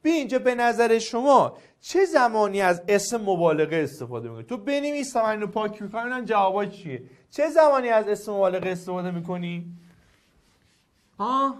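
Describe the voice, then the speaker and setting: A lively male teacher with a high voice that leaps up and down as he quizzes his class. He coaxes answers out of his students during a grammar lesson.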